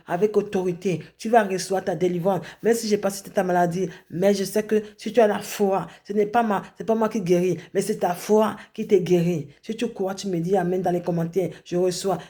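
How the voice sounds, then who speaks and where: Middle-aged woman prophetess, mellow tone, fervent repetitive online prayer. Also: mid-range voice. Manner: repetitive, fervent preaching with English call-outs. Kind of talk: online deliverance prayer and sermon.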